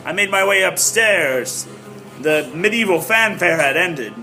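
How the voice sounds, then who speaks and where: A wry, unflappable male private eye played by a man narrates an improvised noir audio drama. His voice is fairly high, his sentences short and clipped, with music playing behind. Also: expressive, measured pace, gravelly, bright, forceful tone, full character voice. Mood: narrating.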